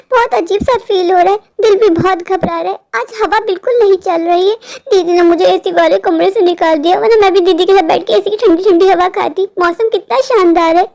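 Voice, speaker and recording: Woman doing a scared girly cartoon girl, super high voice, rambling worried to herself. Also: a little fast, gravelly, a little mellow. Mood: fretful. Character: scared young unmarried woman, naive and chatty. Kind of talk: cartoon voice acting.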